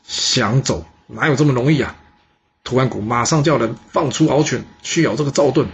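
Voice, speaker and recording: A man telling a history story in a lively, chatty way. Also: mid-range voice, vocal fry, slightly rough. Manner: lively, chatty, drawn-out particles. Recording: dull lo-fi recording.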